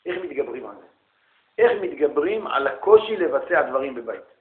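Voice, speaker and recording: A man lecturing as a rabbi, animated, calling listeners brother and asking rhetorical questions. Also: medium pitch. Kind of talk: lively religious lecture. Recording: echoey room, tinny phone-like sound.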